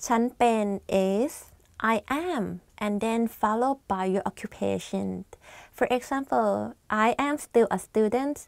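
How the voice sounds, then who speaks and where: Her voice sits fairly high, moves at normal speed and has a creaky quality, with no echo on the lapel mic. She is a language teacher host from Thailand in her twenties, Thai-accented, presenting a scripted lesson in a small studio against a plain backdrop, chatty and full of friendly asides.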